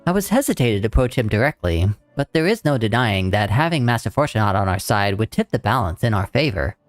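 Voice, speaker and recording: A man voicing a calm, determined female sorceress scholar in a measured, formal way. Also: fairly low pitch, no echo, faint music behind. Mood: polite. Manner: measured, formal reading of game dialogue.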